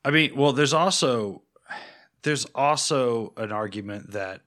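A man's voice: mid-range voice, expressive, a little slow, fairly bright tone. A man co-hosting a motorcycle podcast in casual chat, with a dry, wry delivery that builds repetitive jokes. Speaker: podcast co-host.

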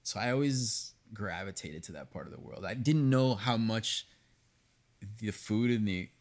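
Low-ish voice guy on a podcast, pastry chef, super candid, cusses a lot, keeps restarting sentences. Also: measured pace. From United States, raised partly in Venezuela. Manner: candid and animated, swears freely, frequent restarts. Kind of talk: casual podcast conversation.

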